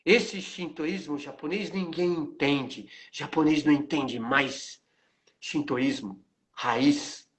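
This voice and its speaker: A man voicing an older Japanese male aikido master who sounds gruff and weary, grumbling low and slow. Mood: weary, bitter.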